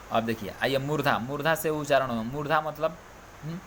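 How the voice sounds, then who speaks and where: A man's voice: on the high side, fairly bright tone, slight background noise. A man teaching a Hindi grammar lesson, reciting letter groups and filling his speech with frequent repeated check-ins. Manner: drilling, repeats "ठीक है" often. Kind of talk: recorded coaching lesson.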